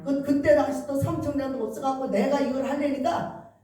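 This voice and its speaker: Middle-aged woman pastor, high and mellow, storytelling sermon, echoey church hall from far off. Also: fairly even intonation, a little fast, soft background music. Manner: chatty storytelling, acts out quoted dialogue. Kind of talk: revival sermon.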